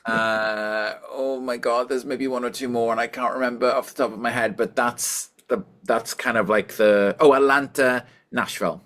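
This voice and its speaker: A man from Wales with a softened Welsh accent, chatting casually as a musician guest in an interview, self-deprecating and full of fillers. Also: medium pitch, fairly even intonation, moderate pace, hardly any pauses.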